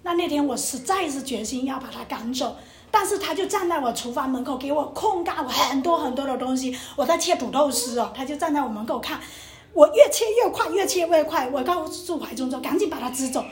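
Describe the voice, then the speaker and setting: A woman's voice: high voice, lively intonation, fairly quick, echoey room. A young woman preacher giving an emotional testimony sermon, acting out the voices in her story. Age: young adult.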